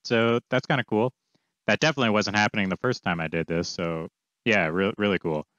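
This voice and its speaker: In a casual screencast, a low-voiced man explains code as he goes, thinking aloud in an offhand, informal manner, a little fast and a bit bright. He's filming with a webcam in a small indoor room, and the mic sounds dull with no room sound.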